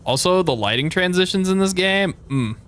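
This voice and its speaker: A man giving casual live game commentary as a streamer, with playful, slangy, expressive reactions. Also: high voice.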